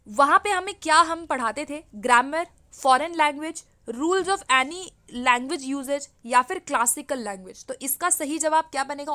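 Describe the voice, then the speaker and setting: A young woman teacher with an Indian accent, reading exam questions slowly and then explaining the answers, often checking in with her listeners. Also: sits high, bright, forceful tone. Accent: Indian English. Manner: reads questions slowly, then explains in quick Hindi-English mix with frequent "ठीक है?".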